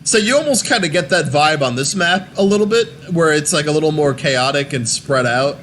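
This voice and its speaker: A man's voice: fairly high pitch, animated, brisk, fairly bright tone, slight background noise. A young man in casual gaming chat, rambling with many fillers and restarts. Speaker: podcast host.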